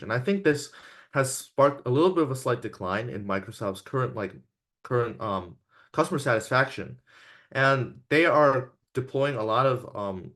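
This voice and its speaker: A man's voice: medium pitch, fairly bright tone. Hesitant teenage boy hosting a podcast. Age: teens. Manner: halting, hedging with "I think" and "um". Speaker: podcast co-host asking the questions. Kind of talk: casual discussion.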